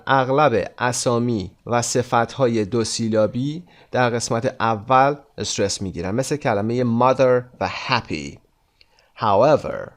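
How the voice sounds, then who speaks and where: A man with a Persian accent teaching an English lesson, reading English slowly and clearly and explaining points quickly in Persian. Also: medium pitch.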